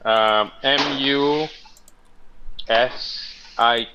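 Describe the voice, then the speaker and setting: A man's voice: mid-range voice, steady tone, very slow, dull audio, noisy background. A man on a video call, giving short, joking replies in casual chat. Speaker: team player on a video call.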